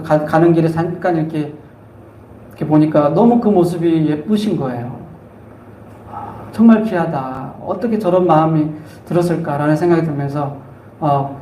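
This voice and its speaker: A man delivering a sermon in a church sanctuary, his voice pitched high and bouncing around the room's echo. He preaches emphatically, often climbing into high, pleading cries. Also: mellow, a little hiss or hum. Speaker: pastor. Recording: echoey church room.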